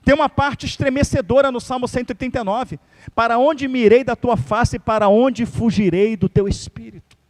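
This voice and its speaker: A man's voice: extremely high pitch, fairly even intonation, normal speed. A man with a Brazilian accent, a pastor preaching a fervent live sermon directly to his church congregation. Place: church service.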